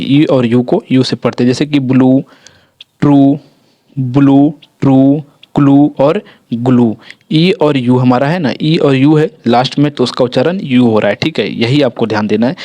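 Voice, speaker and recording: A man's voice: medium pitch, a little mellow, no room sound. A man teaching English pronunciation rules in a lesson, repeating each rule and example and often checking in with the learners. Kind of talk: explanatory lesson.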